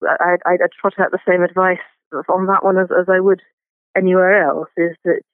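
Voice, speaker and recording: A man, a garden writer, answering interview questions in a halting way, full of fillers and restarts. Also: high voice, little pitch movement, clear, resonant tone, no room sound. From Britain. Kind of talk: conversational interview. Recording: phone-like remote line.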